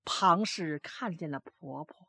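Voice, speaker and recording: A woman narrating a folk tale as a storyteller, dramatic and expressive. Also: low-pitched, measured pace, breathy edge, no echo, clean studio sound.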